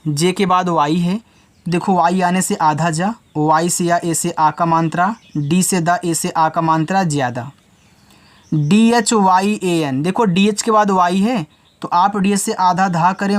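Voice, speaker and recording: A man teaching a reading lesson to young learners. He reads letters out slowly, one at a time, then explains each sound in a patient, steady way. He talks straight to the children, like a classroom teacher. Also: sits high. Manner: addresses the viewers as children.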